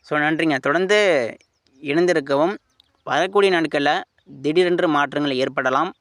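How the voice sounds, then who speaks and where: Fairly high dry-voiced forecaster man. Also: normal speed, a bit bright, no room sound. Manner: colloquial Tamil, repeats "you see" tag often. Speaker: weather forecaster. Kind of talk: unscripted weather forecast talk.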